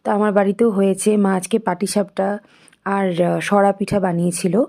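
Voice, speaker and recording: A young woman with a hoarse, cold-roughened voice, chatting directly to viewers as she narrates her day in a vlog. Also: mid-range voice, flat delivery, normal speed, dark tone. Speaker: vlogger. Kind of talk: casual daily vlog narration.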